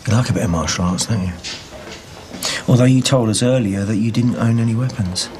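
A man plays a sarcastic detective in a TV police drama. He presses a suspect sceptically in a fairly low voice, with clear background noise. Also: a little fast, lightly acted. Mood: sarcastic, pressing. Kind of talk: television police drama acting.

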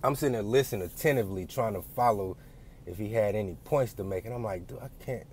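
Low-voiced man ranting bluntly. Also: fast talker, darkish tone, a little hiss or hum. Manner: profane, blunt, lecturing. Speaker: vlogger. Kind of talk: casual ranting monologue.

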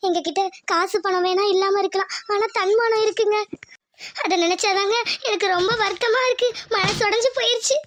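A woman voicing a gentle young village wife from a poor family in a cartoon, speaking with soft, pleading sobs. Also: very high voice, slight background noise. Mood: heartbroken. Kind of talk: cartoon voice acting.

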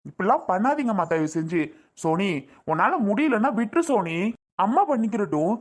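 A woman's voice: medium pitch, very animated, fairly quick. A woman playing a grown son who lectures his mother in a family comedy skit, pleading then scolding. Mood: exasperated.

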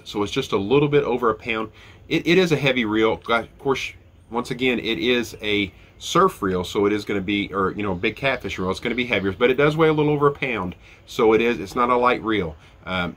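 This forties-aged fishing channel host sounds pushed and bright, his voice on the low side and nasal from a head cold. He reviews fishing gear casually and step by step with fillers, recorded close on an outdoor deck.

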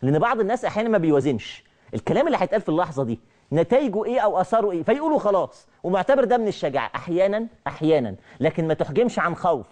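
Rapid-fire Egyptian male preacher. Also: sits high. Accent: Egyptian Arabic. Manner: animated, acts out imagined dialogues, repeats key phrases. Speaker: religious TV lecturer. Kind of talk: televised religious lecture.

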